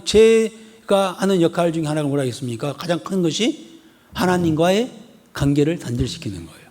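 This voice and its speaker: A male pastor from the area gives an expository sermon, asking the congregation questions again and again and acting out scenes. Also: a little high. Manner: animated, rhetorical questions to the congregation, acts out a scolding mother. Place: church sanctuary. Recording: husky voice in a long-reverb church hall.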